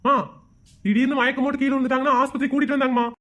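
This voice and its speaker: A woman voicing an impatient male doctor in a cartoon, brisk in manner. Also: sits high, little pitch movement, fairly bright tone.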